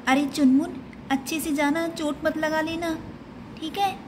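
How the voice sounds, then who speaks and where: A woman's voice: high-pitched, steady tone, unhurried, noisy background. A woman voicing a bossy older sister doll who scolds and hurries the little one, in a doll-play story. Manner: scolding, impatient.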